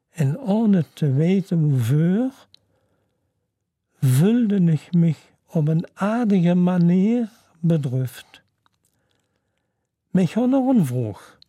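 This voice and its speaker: A storyteller reading a storybook aloud, calm, measured and reflective. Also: medium pitch, no echo, clean studio sound. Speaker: narrator of a storybook.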